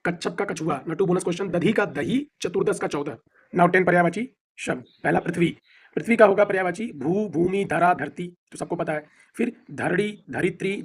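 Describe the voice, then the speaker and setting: A male teacher with an Indian accent runs through word lists for an exam. His voice sits high for a man and has a husky edge. He recites quickly, stopping for short asides in English. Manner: rapid list recitation with brief explanations; mixes English phrases into Hindi. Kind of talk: exam-prep vocabulary drill.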